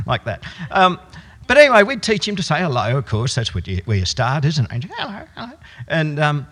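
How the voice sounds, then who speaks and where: A man preaching a sermon in a storytelling way, slowing and dropping his voice for emphasis. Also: medium pitch. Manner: storytelling, swings from loud to hushed for emphasis. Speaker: pastor. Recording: echoey hall with long reverb.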